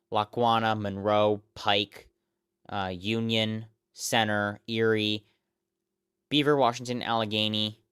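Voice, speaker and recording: An American man hosting live, off-the-cuff election results commentary, reeling off figures and place names in a halting, repetitive way. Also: fairly low pitch, a bit bright, clear, resonant tone, no echo. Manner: halting, often repeats himself, reels off figures and place names. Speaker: election night live stream host.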